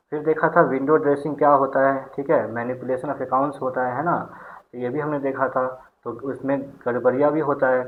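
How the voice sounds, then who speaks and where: A man's voice: mid-range voice, a little hiss or hum. Male tutor, chatty lecture with constant checking in, thin phone-line audio. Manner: repeats "ठीक है" often, asks and answers his own questions. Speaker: accountancy teacher. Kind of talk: online class lecture. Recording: tinny phone-like sound.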